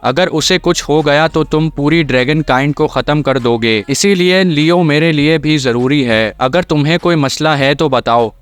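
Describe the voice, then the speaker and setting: A man voicing a scheming young female sorceress in an anime recap, speaking calmly and persuasively. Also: on the high side, moderate pace, hardly any pauses, clear, resonant tone, faint music behind, close to an everyday voice.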